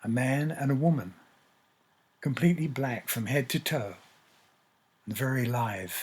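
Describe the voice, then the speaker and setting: Husky guy narrating a story, slow and descriptive, scripted. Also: medium pitch, a little mellow.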